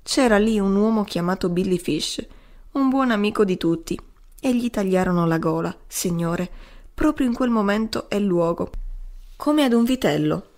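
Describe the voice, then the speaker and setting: A woman's voice: mid-range voice, lively intonation, normal speed, darkish tone, lightly acted. A woman voicing a broken, grieving old male adventurer who rambles and keeps pleading "sir" at his listener. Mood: grim. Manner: pleading, repeating "signore".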